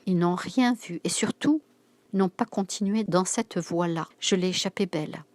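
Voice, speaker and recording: A woman reading a plucky schoolgirl, quick and confiding, low-ish voice, dry. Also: darkish tone, dry recording, natural voice. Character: young schoolgirl, relieved and plucky.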